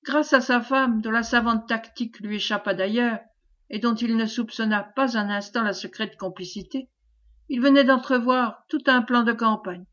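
A woman reading a classic novel aloud as audiobook narrator, in a steady, clear storytelling manner. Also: a little high, normal speed, muffled recording. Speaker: audiobook reader.

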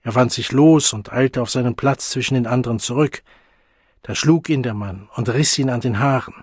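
A man narrating a novel as an audiobook in a measured, dramatic storytelling manner. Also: medium pitch, a little mellow, slightly rough, no echo, clean studio sound. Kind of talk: scripted narration.

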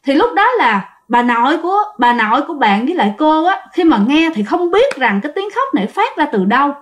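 A woman's voice: sits high, sing-song, brisk. A woman narrating listener-sent ghost stories in a chatty way, speaking straight to her listeners. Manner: chatty, addresses listeners directly.

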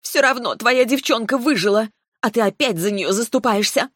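Vain catty dragon lady, high and haughty , woman reading it. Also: normal speed, no echo, clean studio sound, lightly acted. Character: vain seductive dragoness, spiteful rival.

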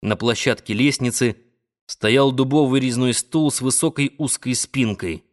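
A male audiobook narrator reading a novel in a slow, deliberate, dramatic way. His voice sits in an ordinary middle register and takes its time over each phrase. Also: medium pitch. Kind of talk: scripted literary narration.

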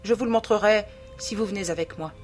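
Reader playing a calm secretive young man, quiet and even, soft music under it. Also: medium pitch, quick pace, close to an everyday voice.

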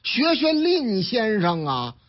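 A man's voice: high voice, huge pitch swings, takes it slowly. A man with a Beijing accent giving colloquial storytelling-style news commentary on the radio. He acts out the characters in the stories he tells. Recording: dull lo-fi radio sound.

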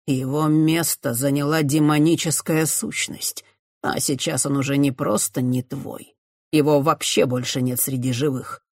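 Torn sad priest guy, low muted voice, dry sound, reader doing him. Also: little pitch movement, unhurried, vocal fry, no room sound. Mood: stern. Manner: low, muted, sorrowful delivery. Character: remorseful male priest, brooding and torn. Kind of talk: audiobook character voice.

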